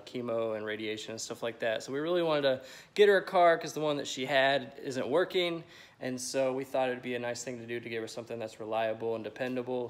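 A young man chatting casually as a vlogger, talking into a phone held at arm's length. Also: medium pitch. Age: young adult. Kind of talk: casual vlog chat. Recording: slightly noisy phone recording.

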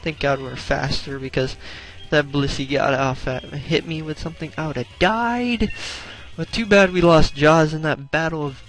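A young man commenting on his own gameplay, excitable and profane, groaning and exclaiming at every setback. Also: a little high, normal speed, soft background music.

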